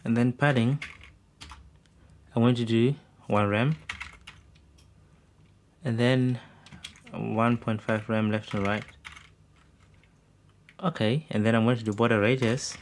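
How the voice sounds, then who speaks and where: A man's voice: medium pitch, fairly even intonation, takes it slowly, pauses often, slight background noise. Man talking through code while typing. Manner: talks while typing, thinks aloud with fillers. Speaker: coding instructor. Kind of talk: screen-recorded coding tutorial. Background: keyboard typing.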